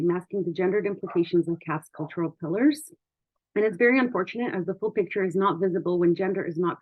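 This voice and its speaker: A woman panelist giving formal, measured remarks as if reading prepared points. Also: fairly low pitch, narrow, tinny audio.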